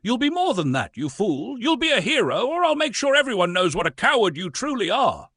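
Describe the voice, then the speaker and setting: A bullying old wizard, as a man acts him out, scolding in a raised, roaring voice that swings widely in pitch. The tone is husky and dry, read close for a storybook. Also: big pitch swings, fairly quick, a bit bright, no echo, exaggerated voice. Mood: threatening. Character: furious old male wizard, bullying and stern.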